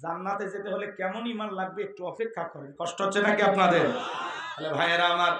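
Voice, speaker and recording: A male preacher giving a fiery sermon to a crowd at an open-air religious gathering, shouting, chanting verses and firing questions at his listeners. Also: high voice, fairly even intonation, fairly quick, a little hiss or hum. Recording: echoey public-address sound.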